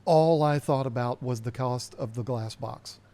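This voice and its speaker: A man co-hosting an easygoing podcast. He talks conversationally and tells stories from his own experience, stating his views with emphasis. His voice sits at an average pitch for a man. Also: unhurried, mellow. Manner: conversational, storytelling, emphatic opinions. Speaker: podcast co-host. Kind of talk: casual podcast chat.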